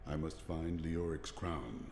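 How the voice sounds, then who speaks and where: A man's voice: slow, creaky, background noise, heavily acted. An actor playing a stern, resolute male warrior hero in a video game, speaking tersely. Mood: grim. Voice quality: very deep, terse.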